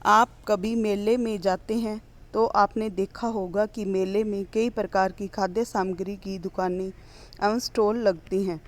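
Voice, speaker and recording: A woman teacher, reading a primary school lesson aloud slowly and clearly, pausing between the items of each list. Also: mid-range voice. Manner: slow, clear classroom reading with list-like pauses.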